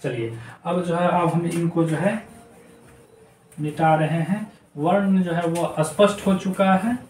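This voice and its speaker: High-voiced male teacher in an echoey room. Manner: repetitive, drills terms aloud. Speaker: Hindi grammar teacher. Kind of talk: classroom lesson to children. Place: noisy room. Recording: echoey room, distant mic, faint noise.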